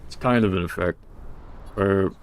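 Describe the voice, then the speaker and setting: A man with a fairly low voice talks casually on a live stream. He meanders, trails off and restarts his sentences as he thinks aloud, sometimes turning to address someone off camera. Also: normal speed, clean tone. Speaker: livestreamer. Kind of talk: casual rambling livestream monologue.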